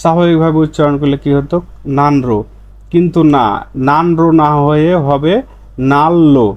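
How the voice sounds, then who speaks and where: A man teaching a language lesson, patiently repeating words slowly for learners. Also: on the high side, flat delivery, muffled recording.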